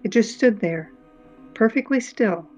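A woman's voice: a little high, animated, measured pace, darkish tone, soft background music. A woman narrating a children's storybook aloud, dramatically voicing the sound-effect words. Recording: dull, muffled reading recording.

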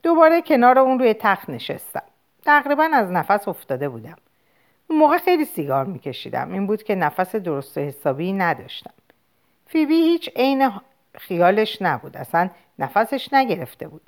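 Expressive woman reading an audiobook. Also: mid-range voice. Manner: expressive, conversational storytelling. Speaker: audiobook reader. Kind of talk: audiobook narration in first person.

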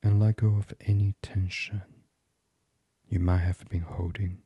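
A man's voice: sits low, flat delivery, gravelly, breathy edge, dry recording, highs cut off. A man leading a guided meditation in a soothing voice that often drops to a whisper. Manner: slow, soft and soothing, drifting into whispers.

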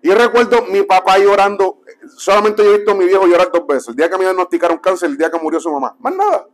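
A young adult man, a preacher telling his testimony as a lively storyteller who acts out the dialogue. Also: fast talker, soft background music. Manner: animated storyteller, acts out dialogue and drops low for quotes.

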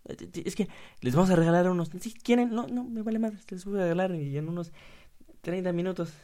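A man's voice: high voice, a little fast, warm tone, voice pushed up, natural voice. A man with a Mexican accent putting on a nervous, overly polite male cinema waiter who stammers through excuses.

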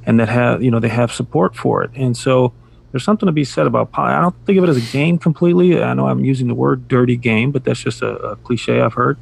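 A man's voice: medium pitch, fast, creaky, breathy edge. A man co-hosting a casual podcast, talking in a sarcastic, rambling way with frequent restarts. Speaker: podcast co-host.

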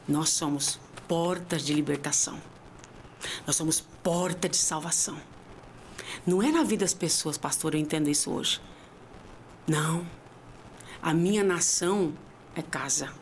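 A woman telling her personal faith story as a podcast guest, heartfelt and sometimes tearful, dropping to near whispers and then rising to high, emphatic cries. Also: slight background noise. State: tearful at times. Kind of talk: emotional faith testimony.

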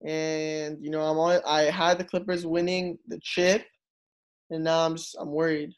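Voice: mid-range voice, level tone, moderate pace. Earnest opinionated sports co-host. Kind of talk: casual sports chat.

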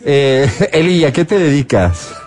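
A man's voice: a little high, very animated, a little slow, loud music behind the voice. A man hosting a radio contest in an upbeat, chatty, teasing way. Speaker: radio host.

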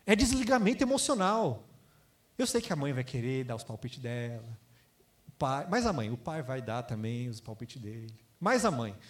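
Brazilian pastor guy preaching, pretty high voice, lively, does little voices for the people he quotes. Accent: Brazilian Portuguese. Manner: lively, acts out quoted voices and asks the audience questions. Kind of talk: sermon to a congregation.

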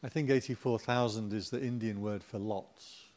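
A man's voice: lowish voice, fairly even intonation, moderate pace, a little mellow. A middle-aged man giving an informal Dharma talk as a Buddhist teacher, chatty and humorous, with playful asides to the audience.

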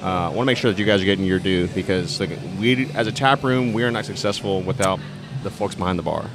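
A man's voice: sits low, fast, over music. A middle-aged man who owns a brewery, talking in a hammy, joking way on a podcast. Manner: animated, hammy, fond of joking. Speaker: brewery owner. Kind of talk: casual podcast chat. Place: brewery taproom.

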